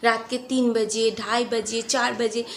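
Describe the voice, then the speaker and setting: A woman's voice: fairly high pitch, level tone, fairly bright tone, slight background noise. Chatty young woman. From West Bengal, India. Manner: chatty, earnest, rambling with pauses. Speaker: vlogger. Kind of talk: casual storytelling vlog.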